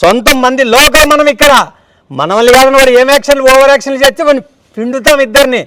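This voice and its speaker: A man playing a blustering landlord in a comedy sketch, boasting loudly but secretly scared. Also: extremely high pitch, fast talker.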